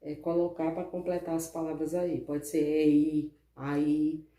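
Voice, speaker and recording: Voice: medium pitch, level tone, a little slow, dark tone. A teacher with a Brazilian accent giving a recorded class, explaining patiently step by step and often checking in with the pupils. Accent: Brazilian Portuguese. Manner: patient, explains step by step, keeps asking "né?" and "certo?". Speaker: primary school teacher. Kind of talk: recorded online class lesson. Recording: echoey room, voice far from the mic.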